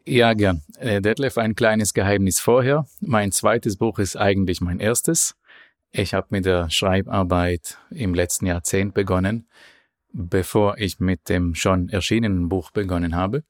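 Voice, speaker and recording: Slow-speaking man, dry sound. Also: sits low, no room sound. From Israel. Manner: slow, deliberate explanations. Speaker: author guest. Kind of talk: interview answers.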